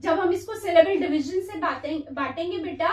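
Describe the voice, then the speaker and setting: A woman teaching a phonics lesson who sounds each word out slowly and says it again and again, calling her students "beta". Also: very high voice, darkish tone. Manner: sounds words out slowly, repeating each one. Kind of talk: slow classroom phonics lesson. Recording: echoey room from far off.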